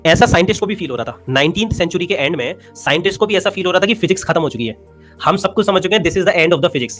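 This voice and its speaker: A man's voice: high-pitched, lively intonation, fast, fairly bright tone, soft background music. A young man with an Indian accent teaching physics in a playful, teasing lecture, slipping English phrases into his talk. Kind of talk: animated classroom lecture.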